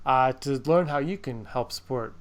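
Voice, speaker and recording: A man's voice: mid-range voice, moderate pace. A man hosting a podcast in casual chat, talkative and wryly joking. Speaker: podcast host.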